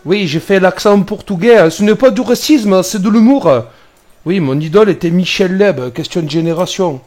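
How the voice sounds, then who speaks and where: A man's voice: sits high, normal speed, faint music behind. A man driving a truck in France, commenting on the road in a joking, exasperated way. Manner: joking, animated, exasperated at other drivers. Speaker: truck driver. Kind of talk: casual dashcam commentary.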